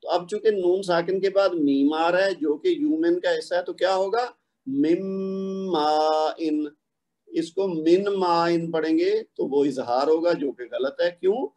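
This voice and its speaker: Patient Pakistani male tutor, fairly high and mellow, explains and then slowly recites examples for students to repeat. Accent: Pakistani Urdu. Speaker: Quran recitation teacher. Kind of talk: online tajweed lesson.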